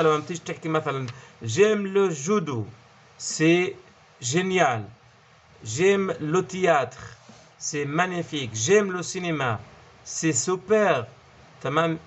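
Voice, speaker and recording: A man's voice: fairly high pitch, fairly bright tone, dull audio. Levantine Arabic man teaching a lesson. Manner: explanatory, checks in with "okay?" often, repeats key words. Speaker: French teacher. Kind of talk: online language lesson.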